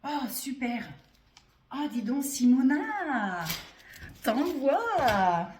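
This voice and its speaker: A woman's voice: high-pitched, very animated, extremely slow, darkish tone, slight background noise. A woman vlogger chatting playfully to her viewers as she unboxes and reviews clothes. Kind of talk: casual unboxing chat.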